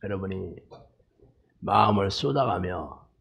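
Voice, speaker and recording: Male pastor preaching, emphatic and anecdotal, gravelly voice with a wide, swinging pitch. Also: expressive, unhurried, a bit bright. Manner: emphatic, frequent rhetorical "eh?" tags; tells jokes and anecdotes. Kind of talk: sermon.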